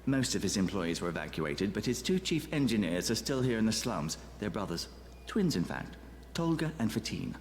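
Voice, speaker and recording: Polite, secretive male go-between, game role. Formal, animated melody, mid pitch, slight noise. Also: normal speed, few pauses. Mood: courteous, secretive. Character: courteous, secretive male go-between, gravely important.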